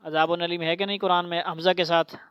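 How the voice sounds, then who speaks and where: A woman teaching Quran recitation to a child, spelling out syllables slowly for repetition and then explaining rules in quicker bursts. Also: fairly low pitch, little pitch movement, fairly bright tone, clean tone, no echo.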